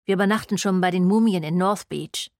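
A woman's voice: fairly low pitch, a little fast, a little mellow, no room sound, studio quality, lightly acted. A woman voicing a prudish young student who scolds her friends in a prim tone. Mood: reproachful. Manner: prim, hissing reproach.

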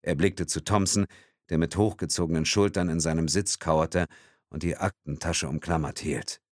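A man's voice: low voice, steady tone, normal speed, dry recording, clean studio sound. A man reading a thriller as audiobook narration in a tense, dramatic manner. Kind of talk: scripted narration.

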